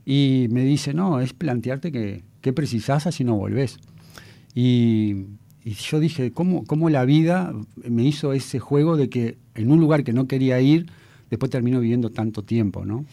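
A man's voice: medium pitch, unhurried, vocal fry, dark tone, no echo. A man in his fifties with a Uruguayan accent, a guest telling stories from his childhood in a talk-show interview. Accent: Uruguayan Spanish. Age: 50s. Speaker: guest, mentalist.

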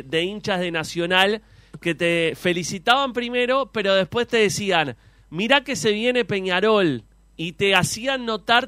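A Uruguayan man interviews in an informal, conversational sports-show style. His voice is fairly high and very clear, with a dry, close sound. His questions wind along in several parts. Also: a bit bright, dry recording.

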